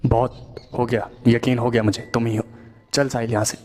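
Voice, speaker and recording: A man doing a quick-tempered young village man. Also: mid-range voice, little pitch movement, darkish tone, lightly acted. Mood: suspicious. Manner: agitated, raises his voice when upset.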